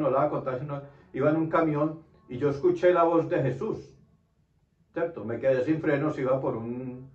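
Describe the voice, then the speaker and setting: A man's voice: mid-range voice, darkish tone. A man preaching a Bible study sermon, earnest, often repeating himself and checking in with his listeners. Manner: earnest, repeats phrases, tag question "¿cierto?". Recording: roomy, distant, dull lo-fi sound.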